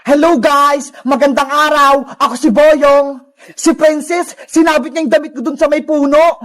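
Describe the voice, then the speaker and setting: A woman's voice: sits high, fairly even intonation, normal speed, close to an everyday voice. A woman voicing a cheerful young cartoon boy who chats directly to the viewers. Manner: bright, addresses viewers directly. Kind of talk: cartoon voice acting.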